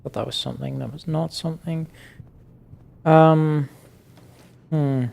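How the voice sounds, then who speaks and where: A man's voice: fairly high pitch, fairly even intonation, unhurried, creaky, darkish tone. A man giving casual let's-play commentary, thinking aloud with many fillers and restarts. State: hiccuping. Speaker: gaming YouTuber.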